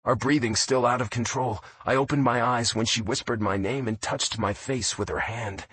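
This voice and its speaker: A man narrating a romance audiobook in a low, intimate first-person reading. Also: fairly even intonation, moderate pace, a bit bright, breathy edge.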